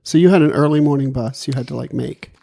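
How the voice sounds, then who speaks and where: A man's voice: mid-range voice, fast talker, vocal fry, warm tone. A man hosting a podcast interview, asking curious questions and slipping in jokes in a casual chat. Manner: curious, joking follow-up questions. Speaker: podcast host.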